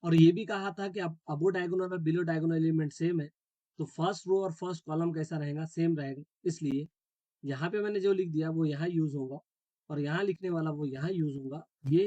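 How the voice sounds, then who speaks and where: A man lectures a math class with a slightly high, mellow voice. He walks through each step and keeps checking that his students follow. The sound is dry and close. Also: no echo, dull audio. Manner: explains step by step, checks understanding often; mixes English terms into Hindi. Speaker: math teacher.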